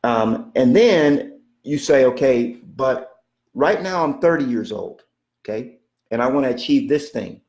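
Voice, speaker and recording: A man's voice: medium pitch, lively intonation, a little slow, a little mellow, roomy sound. A man giving a motivational coaching talk, emphatic and repetitive, often checking in with "okay?" and speaking of God in a preacherly way. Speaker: real estate coach.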